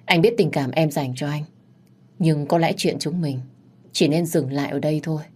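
A woman voicing a gentle, caring young man in an audiobook story, speaking in a soothing way. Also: fairly low pitch, moderate pace, husky. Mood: resigned.

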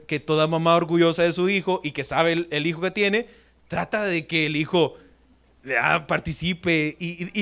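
A male pastor preaching a sermon in an animated way, acting out quotes and asking the congregation questions. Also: a little high.

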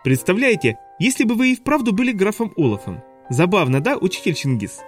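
A man voicing a clever young boy who speaks in a higher, falsely cheerful voice. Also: big pitch swings, brisk, faint music behind. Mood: fake cheerful. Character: clever bespectacled boy, feigning jokes.

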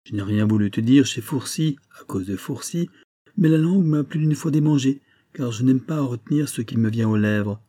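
A man's voice: medium pitch, moderate pace, dark tone, no echo, studio quality, voice pushed up, natural voice. A man voicing a vain, blustering older banker who lectures his son in a familiar, exasperated tone. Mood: reproachful. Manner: familiar, then scolding and exasperated.

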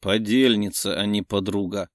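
A man voicing a gruff, teasing young man who grumbles in a lowered voice. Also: a little slow, no room sound, studio quality, natural voice. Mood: grumbling.

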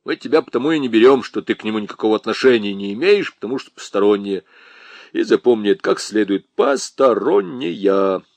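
A man's voice: fairly low pitch, quick pace, a little mellow, no echo, close to an everyday voice. A man playing a smug army lieutenant who teases with fake innocence and drones in officialese. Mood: stern. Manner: mock-innocent, then droning officialese. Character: mocking young male army lieutenant, smug bureaucrat.

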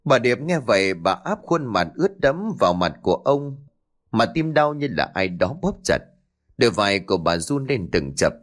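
A man narrating a horror story in a dramatic, expressive manner. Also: mid-range voice, moderate pace. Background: faint music.

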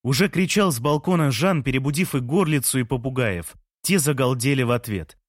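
A man narrating a story in the first person, calm and wry, as in an audiobook. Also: mid-range voice, a little fast, dry recording, clean studio sound.

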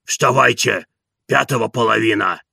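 A man voicing a creaky, gruff old manservant. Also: on the low side, normal speed, sharp tone, no room sound, clean studio sound, full character voice. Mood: grumbling. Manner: coaxing and scolding, folksy. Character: old grumbling male manservant, stubborn.

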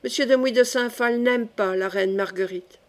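A woman reads an earnest young nobleman in love, calm and stubborn as he reasons with his friend. The voice is fairly high, read for a storybook. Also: moderate pace, natural voice. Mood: resolute.

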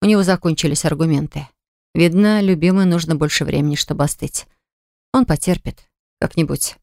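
A woman narrating a romance audiobook in a measured, expressive way. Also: low-pitched, vocal fry, dry recording, clean studio sound. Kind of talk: scripted narration.

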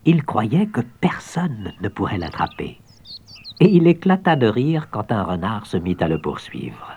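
A man narrating a children's storybook in a gentle, expressive read-aloud voice. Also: lowish voice, unhurried, slight background noise.

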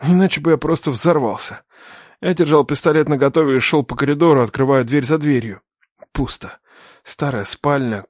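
A man narrating a dramatic story in the first person, tense and urgent, raising his voice for shouted dialogue. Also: medium pitch, dry recording, clean studio sound.

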